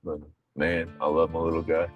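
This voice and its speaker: A man's voice: extremely low pitch, monotone, moderate pace, slightly rough, phone-quality sound. An older man, chatting casually and rambling on a livestream, often laughing. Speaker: livestream host. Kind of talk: casual chat.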